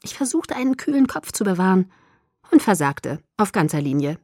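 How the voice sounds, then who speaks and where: A woman narrates a first-person audiobook in a mid-pitched voice, giving the dialogue expressive, at times breathy colour. The recording is close and dry, with no room sound. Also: brisk, dry recording.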